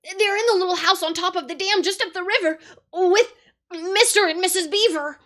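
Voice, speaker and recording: A woman's voice: very high-pitched, moderate pace, a bit bright, voice pushed up. A woman voicing a frightened young boy who stammers and trembles as he speaks. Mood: pleading.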